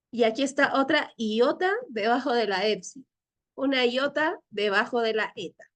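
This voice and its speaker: A woman teacher leading a Greek class, explaining patiently step by step and often checking with her students. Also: fairly high pitch. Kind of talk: online class lecture.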